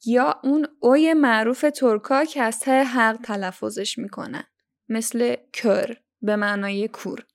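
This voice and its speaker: A young Iranian woman hosting a language-learning podcast, talking listeners through tips in a clear, instructive way. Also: on the high side. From Iran. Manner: instructive, addresses listeners directly. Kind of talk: scripted podcast lesson.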